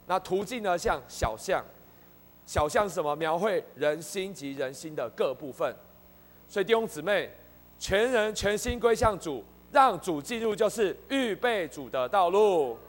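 A man's voice: sits high, lively intonation, normal speed, big-room sound. A man leading a church Bible study, earnestly repeating key points and calling the group to read along.

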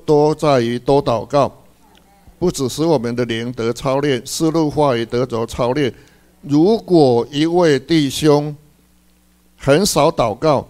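A man's voice: fairly high pitch, darkish tone. A middle-aged man giving a church talk, mixing teaching with a laughing personal story and repeating his words. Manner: laughs often while telling stories, repeats words. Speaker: church speaker sharing with brothers. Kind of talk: sermon with personal anecdote.

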